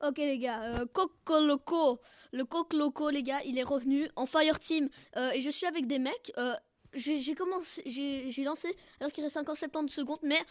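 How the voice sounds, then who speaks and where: A woman giving casual, jokey gameplay commentary who keeps bursting into loud shouts and cries. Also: high voice, normal speed, no room sound, studio quality. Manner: jokey, self-mocking. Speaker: gaming video creator.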